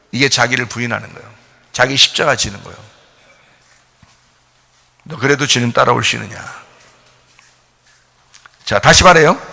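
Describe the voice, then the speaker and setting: A male pastor with a medium-pitched, creaky voice preaches a sermon. He speaks bluntly and informally straight to his listeners, suddenly getting loud and then dropping to hushed questions.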